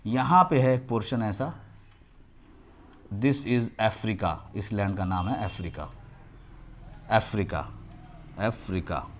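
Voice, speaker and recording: A man teaching a children's geography lesson, mixing Hindi with English terms and slowly repeating names to drill pronunciation. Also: lowish voice, a little hiss or hum. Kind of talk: classroom lesson for young children.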